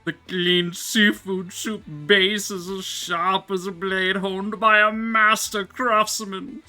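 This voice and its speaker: A man's voice: sits high, little pitch movement, slow, sharp tone, faint music behind, pitched above the performer's own voice, full character voice. A man voicing a young food critic from a video game, tasting food with rapturous, overblown grandeur. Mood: rapturous, grandiose. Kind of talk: dramatic voice-over reading of game dialogue.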